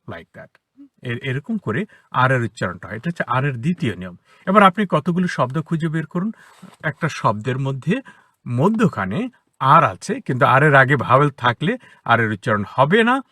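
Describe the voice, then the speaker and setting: A man's voice: medium pitch, pushed and bright, no echo, studio quality. Bengali-accented man teaching English in a car. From Bangladesh. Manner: explanatory, repeats example words slowly. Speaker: English teacher, academy founder. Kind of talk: spoken English lesson for children. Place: inside a parked car.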